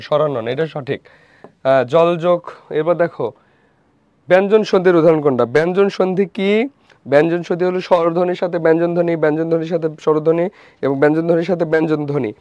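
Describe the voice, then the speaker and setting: A young male teacher runs a live online revision class. His voice sits a bit high for a man, and he asks each question twice before answering it himself. The sound is dull and lo-fi, with a dry, close feel. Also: fairly even intonation, darkish tone, dry recording. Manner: repeats questions and answers them himself, quick asides. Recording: dull dry lo-fi stream audio.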